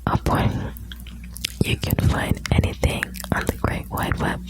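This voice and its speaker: A woman whispering close to the ear in an intimate, soothing ASMR style, reading out short lines and chatting softly to the listener. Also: unhurried. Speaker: ASMR host reading quotes.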